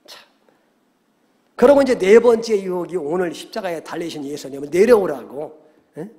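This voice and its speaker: A male pastor preaching a Sunday sermon, animated, often checking in with the congregation and acting out quoted voices. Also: high voice, normal speed. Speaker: senior pastor. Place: church sanctuary. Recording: long church hall reverb.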